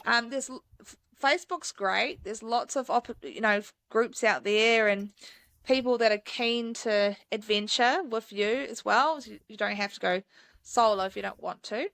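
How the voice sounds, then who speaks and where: A woman's voice: a little high, measured pace, creaky, a bit bright, no echo. A woman, a mountain guide chatting enthusiastically as a podcast guest, with lots of fillers. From New Zealand. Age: 30s. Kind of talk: casual interview chat.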